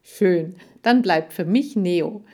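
A woman's voice: on the low side, slow pace, darkish tone. A woman voicing a friendly, enthusiastic young boy.

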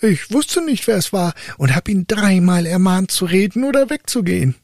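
A man's voice: high-pitched, expressive, normal speed, darkish tone, dry recording, studio quality, pitched above the performer's own voice. A man reading a fairy tale aloud, voicing a simple, fearless boy who speaks earnestly and boldly in a raised voice. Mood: protesting. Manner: earnest, naive and bold. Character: fearless, simple-minded young lad.

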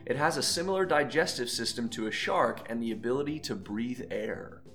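A man's voice: medium pitch, expressive, a little fast, fairly bright tone, soft background music. A man hosting an animal quiz, reading playful clues and teasing the contestants. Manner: jokey, teasing, laughs between lines. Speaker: quiz host.

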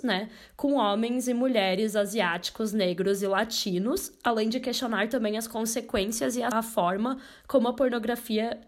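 A young woman co-hosting a podcast, speaking emphatically and often adding tag questions. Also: a little high. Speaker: podcast co-host. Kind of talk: casual podcast discussion.

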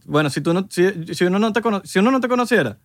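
A man's voice: high-pitched, animated, fast talker, no room sound, studio quality. A man co-hosting a podcast in casual, slangy, joking banter. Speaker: podcast co-host. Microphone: studio podcast mic.

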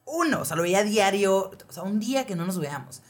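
Mexican woman on a podcast, just chatting, slangy and animated, lots of "o sea" type fillers. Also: medium pitch, brisk. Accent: Mexican Spanish. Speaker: podcast co-host. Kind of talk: casual chat, personal storytelling.

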